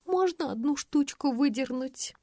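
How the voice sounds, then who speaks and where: A woman voicing a frightened, tearful young swindler who pleads in a high voice. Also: animated, a little slow, mellow, dry recording, studio quality. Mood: tearful pleading.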